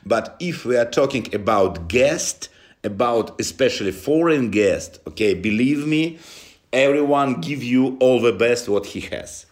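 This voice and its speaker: A man with a Russian accent answering interview questions in halting non-native English, often dropping articles. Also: medium pitch, lively intonation. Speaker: interview guest from a football club.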